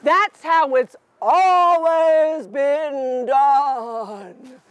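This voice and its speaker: A drag queen voicing a bossy, tradition-minded storybook cricket who makes insistent, drawn-out pronouncements. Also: sits high, no echo.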